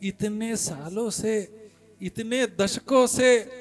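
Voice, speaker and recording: A man telling a devotional story, voicing an overjoyed elderly pilgrim brahmin who repeats his cries in a hushed voice. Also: sits high, extremely slow. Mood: awed.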